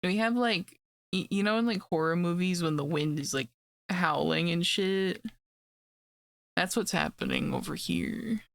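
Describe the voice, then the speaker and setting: A young woman streamer with a raspy voice from being sick, chatting casually and laid-back while she draws. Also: on the low side, a little slow, no room sound. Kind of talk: casual chat while drawing.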